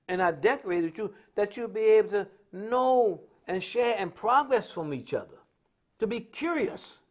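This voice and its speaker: This American man's high voice sits well above the typical male range as he improvises preaching-style social commentary on a religious live stream. Emphatic and repetitive, he speaks in a colloquial, storytelling manner.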